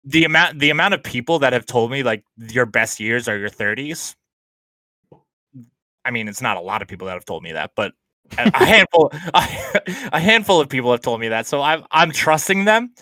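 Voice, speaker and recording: A man's voice: medium pitch, very animated, sharp tone, no echo. A man of thirty hosting a casual podcast chat with his brother over a laptop call, upbeat and joking. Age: 30s. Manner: upbeat, joking, quick asides. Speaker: podcast host. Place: small apartment at home. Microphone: remote call from a laptop.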